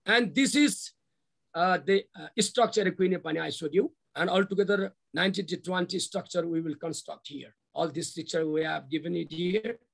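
A middle-aged man with a Nepali accent presenting slides on a video call in halting, repetitive phrases. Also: sits high, vocal fry. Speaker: university official presenting a development plan. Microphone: video call microphone.

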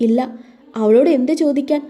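A woman voicing a middle-aged mother who scolds in a low, bitter tone and is quick to tears, in a read-aloud audio story. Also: dark tone, lightly acted. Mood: weary defensive. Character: middle-aged mother, stern but easily tearful.

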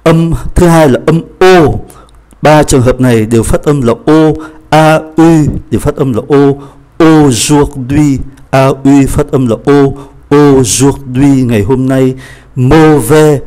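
A man teaching French pronunciation, with a voice of ordinary pitch for a man. He draws out each example word slowly and clearly, then moves on to brisker explanations. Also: warm tone. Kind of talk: language lesson explaining pronunciation.

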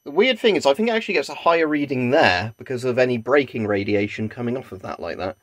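A man's medium-pitched, expressive voice moves at a quick pace with no echo as he casually demonstrates a gadget on camera, speaking unscripted. This video creator is in a small carpeted room at home, where a Geiger counter's clicking and crackling comes through clearly in the background.

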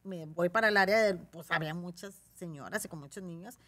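A middle-aged woman with a Mexican accent, a talk show guest telling an anecdote in a lively, animated way and acting out the voices of the people in it. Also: on the low side, a little fast. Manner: animated, acts out other people's voices in quotes. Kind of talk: casual storytelling on a talk show.

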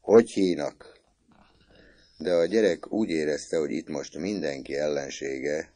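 A man narrating a classic novel as an audiobook in a calm, measured way. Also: a bass voice, no room sound.

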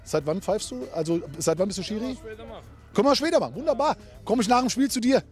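A man's voice: high voice, lively intonation, quick pace, a little mellow, soft background music. A middle-aged man bantering and commentating casually on a football livestream in a blunt, joking way. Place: football ground, stand and indoor rooms.

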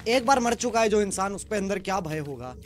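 A man streaming a horror game, commentating live with panicky yelling and crude jokes. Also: high-pitched, lively intonation, fairly quick. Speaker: gaming streamer.

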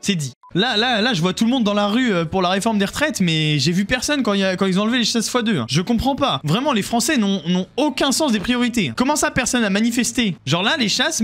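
A man's voice: high voice, a bit bright. A man streaming a video game, joking with his chat in a casual, exclamatory way. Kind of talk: casual live-stream gaming commentary.

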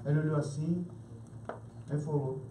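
A man's voice: on the high side, steady tone, moderate pace, mellow. A male pastor preaching a sermon through personal stories, acting out the dialogue and often laughing. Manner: emphatic, chatty, acts out dialogue, laughs often. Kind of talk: sermon storytelling. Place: church hall. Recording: roomy church hall, distant mic, faint noise.

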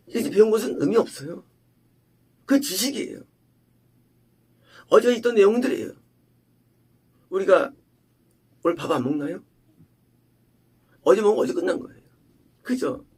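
A male pastor giving an emphatic sermon, asking rhetorical questions and swinging between loud and hushed delivery. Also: sits high, slightly rough.

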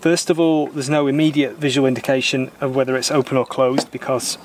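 Calm man explaining a repair, flat voice. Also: medium pitch, a little fast, noisy background. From Britain. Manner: calm, methodical, plain-spoken, mildly opinionated. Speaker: sailor doing boat repairs. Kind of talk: explaining repair steps while working. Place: outdoors in a garden workshop.

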